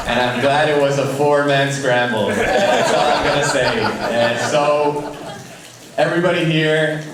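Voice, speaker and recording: A man's voice: on the high side, slow, long pauses, over a noisy crowd. A young man from Puerto Rico giving a friendly speech at a charity event, laughing at himself now and then. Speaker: charity representative. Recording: echoey, far from the mic.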